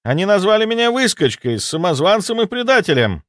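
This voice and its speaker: A panicked ghost soldier from another century, as a man reads him, bursting out in high, strained shouts. He reports in a breathless, indignant rush, his voice leaping all over the place. Dry, close audiobook sound. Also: very animated, brisk, no room sound. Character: frantic ghost of an old-time male army officer. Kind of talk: audiobook character voice.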